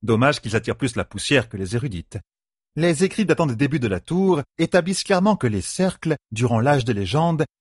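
A determined scholarly woman lectures her peers like a professor before a class, as a male audiobook narrator puts her on. The voice sits well above his own and swings widely, with a slightly husky edge. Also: medium pitch, no echo, clean studio sound, pitched above the performer's own voice.

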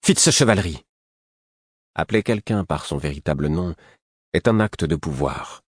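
A man narrating a story in a steady, composed way. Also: rumbling low, normal speed, no room sound, clean studio sound. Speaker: audiobook narrator. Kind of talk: scripted narration.

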